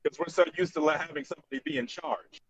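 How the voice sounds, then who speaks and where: A man's voice: a little high, expressive, fast, gravelly, no room sound. A man arguing earnestly on a group video call from a tablet, his voice cutting in and out as the connection drops. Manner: earnest, argues in broken fragments. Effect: voice cutting in and out over a weak online call connection. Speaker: hangout participant. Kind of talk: casual debate on a group call. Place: on the road. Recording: dry, muffled call audio.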